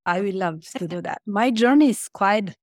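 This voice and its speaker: A woman's voice: medium pitch, normal speed, a little mellow, no room sound, clean studio sound. A woman with a Romanian accent, talking earnestly as a podcast guest and often searching for her words. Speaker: podcast guest, life coach. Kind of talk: casual interview talk.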